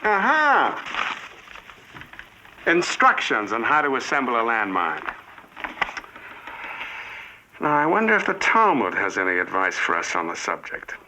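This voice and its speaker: An actor playing a defiant, wry resistance fighter in a war film, speaking in terse, emphatic phrases. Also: male voice, mid-range voice, wildly swooping pitch, normal speed, bright, forceful tone, heavily acted. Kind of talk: dramatic film acting. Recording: very noisy film soundtrack.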